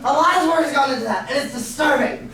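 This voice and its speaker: A woman's voice: fast talker, a crowd in the background. A woman playing a hideous boastful bargainer. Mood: grandiose. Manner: booming, theatrical declamation. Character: hideous pushy fairy-tale bargainer, boastful. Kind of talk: student stage comedy. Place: school theatre stage. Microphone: far camera in audience. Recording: echoey hall from far off.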